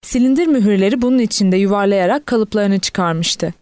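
Woman narrating an audiobook, mellow tone. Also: medium pitch, moderate pace, no echo. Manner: steady storytelling, lightly voicing quoted characters.

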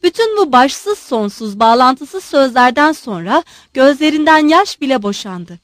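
A woman narrating a literary audiobook in an expressive, measured storytelling manner. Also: high-pitched, no echo, studio quality.

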